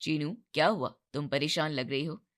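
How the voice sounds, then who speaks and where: Deep-voiced stern young husband done by a woman narrator, firm and level, storybook reading. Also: normal speed, natural voice.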